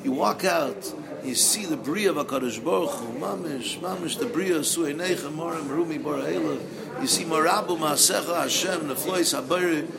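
A man with a Yiddish-inflected American accent gives a Torah lecture as a rabbi, in an animated, repetitive, emphatic sermon style full of rhetorical questions. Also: a little high, moderate pace, gravelly, a loud crowd. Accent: Yiddish-inflected American English. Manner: acts out dialogues with exasperated rhetorical questions. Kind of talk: animated sermon to a live audience.

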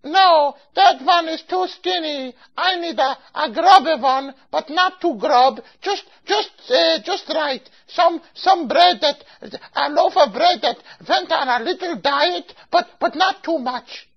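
A woman's voice: high voice, slow pace, few pauses. A woman playing a fussy older customer and matchmaker who speaks broken English full of Yiddish words and keeps repeating herself. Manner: picky, insistent, repeats herself. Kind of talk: amateur comic storytelling skit. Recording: dull lo-fi recording.

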